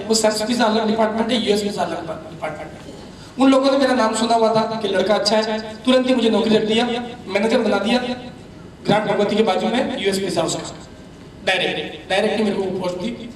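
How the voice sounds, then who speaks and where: A man's voice: very high voice, a little hiss or hum. A man giving a chatty, candid motivational talk as a business trainer, laughing at his own anecdotes. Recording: very echoey hall, distant mic.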